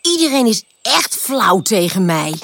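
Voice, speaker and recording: A woman voicing an eager, playful little female puppy in a storybook, with high, excited, childlike squeals. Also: unhurried, heavily acted. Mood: sulky.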